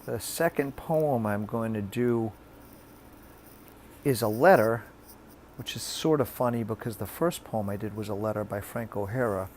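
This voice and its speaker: A man's voice: lowish voice, unhurried, a little mellow, a little hiss or hum. A man with a Boston accent hosting and reading poetry aloud.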